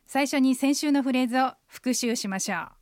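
A woman leads a radio language lesson in a clear, explanatory way. She models words slowly and carefully. Her voice sits a little high, and the studio sound is very dry. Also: darkish tone, no room sound. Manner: clear explanatory teaching, slow model pronunciation. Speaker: Chinese language teacher.

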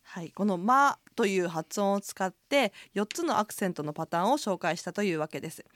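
A woman co-hosting a radio language lesson, chatty and lively, acting out sounds as she explains. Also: fairly quick, dry recording, studio quality. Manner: lively, chatty, demonstrates sounds with big pitch swings.

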